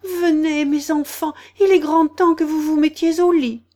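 A woman's voice: high voice, fairly even intonation, measured pace, mellow, voice pushed up. A woman voicing an anxious mother canary with a trembling voice.

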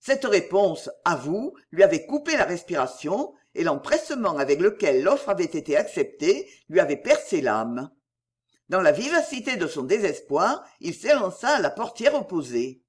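A narrator reading a classic novel aloud in an expressive, even-paced style. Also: mid-range voice, moderate pace, slightly rough. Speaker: audiobook narrator.

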